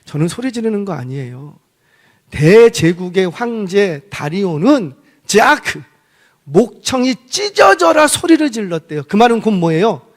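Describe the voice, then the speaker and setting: Male pastor, revival sermon, lively high voice, rhetorical questions and shouting. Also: a little slow. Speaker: senior pastor. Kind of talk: Friday night revival sermon. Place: church service.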